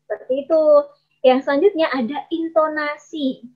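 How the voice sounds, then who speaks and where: A woman presenting a storytelling workshop as trainer, explaining step by step, often pausing on hesitation fillers and speaking to her listeners as friends. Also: high voice, steady tone. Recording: slightly dull lo-fi audio.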